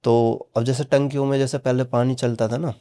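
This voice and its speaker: Man, podcast guest, casual storytelling, mellow tone, quotes dialogue. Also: medium pitch, little pitch movement, fairly quick, clean tone. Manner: retells dialogue with many "he said" tags.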